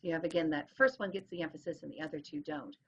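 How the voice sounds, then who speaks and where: A woman's voice: deep voice, steady tone, very fast, breathy edge. A woman teacher explaining things in a recorded lesson, sounding out rhythms as she goes. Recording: dull lo-fi recording.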